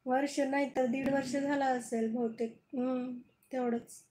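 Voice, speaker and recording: A woman's voice: high voice, level tone, a little slow, mellow, slight background noise, low-quality recording. A woman from southern Maharashtra, chatting casually on a phone live stream and answering viewers one by one with frequent laughs. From Kolhapur, Maharashtra.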